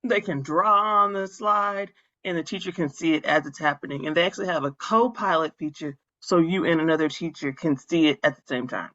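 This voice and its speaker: A woman's voice: low voice, fairly quick, hardly any pauses, fairly bright tone, highs cut off. A woman who works as a school librarian, chatting on a webinar and explaining classroom tools step by step. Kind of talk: casual webinar chat.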